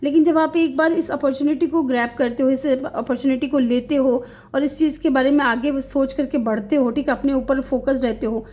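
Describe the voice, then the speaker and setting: A woman reads tarot for an online audience in a high, light voice. She speaks reassuringly, turning to the listener again and again with short checks of agreement. Her talk mixes in English terms as she explains each card. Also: fairly even intonation, brisk, hardly any pauses, a little mellow. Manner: reassuring, repeats short check-ins to the viewer; mixes English words into Hindi speech. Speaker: tarot reader. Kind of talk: tarot reading addressed to viewers.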